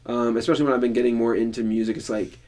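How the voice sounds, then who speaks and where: A young man chatting casually as a podcast co-host. He rambles, circling his point with a steady stream of fillers. His voice sits at an ordinary middle pitch. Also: rapid-fire. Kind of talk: casual chat.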